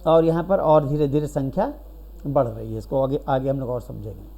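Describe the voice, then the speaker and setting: Man teacher with a warm, mellow voice, patient lecture style, asks and answers his own questions. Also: mid-range voice, a little fast, gravelly, highs cut off. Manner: explains step by step, asks questions and answers them, keeps checking with "right?". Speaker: biology teacher. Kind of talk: recorded classroom lecture.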